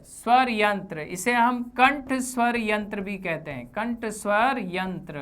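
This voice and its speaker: Slow, deliberate woman teaching grammar. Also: fairly high pitch, fairly bright tone, clear, resonant tone. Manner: slow, deliberate, spells out sounds with example words. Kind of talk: exam-prep lesson. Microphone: voice-over for slides.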